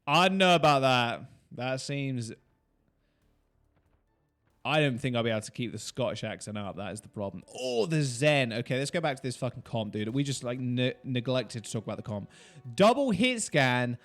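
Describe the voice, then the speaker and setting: A man casually breaking down a game replay, reacting loudly and swearing often as the plays unfold. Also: medium pitch. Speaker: esports streamer and analyst.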